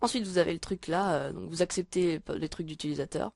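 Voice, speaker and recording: A woman talking through a casual software tutorial, hesitant and full of filler sounds. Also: lowish voice, fast talker, gravelly, no echo. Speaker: tutorial maker. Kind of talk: casual screen-recording tutorial.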